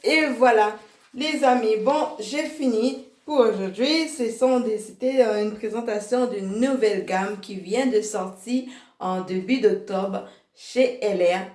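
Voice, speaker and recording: Another seller shows off her range in a casual demo video, recorded in an echoey room. She speaks in a slightly high, darkish voice, hesitating often, restarting, using fillers and chuckling at herself as she goes slowly.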